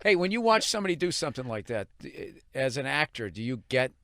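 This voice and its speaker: A man's voice: mid-range voice, sing-song, fast, a bit bright, dry recording, clean studio sound. A man hosting a podcast, swapping blunt, profane stories in casual conversation. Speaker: podcast host.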